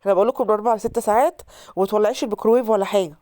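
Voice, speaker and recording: A woman's voice: mid-range voice, rapid-fire, mellow, dry recording. A woman from Alexandria with an Egyptian Arabic accent, hosting a casual cooking vlog while congested from a cold, chatty and repeating herself to viewers. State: stuffy nose from a cold. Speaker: cooking channel host.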